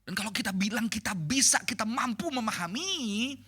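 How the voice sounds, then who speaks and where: A middle-aged man preaching a sermon at a church prayer service, talking in a lively, conversational way and dropping in English phrases. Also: high voice, normal speed, breathy edge.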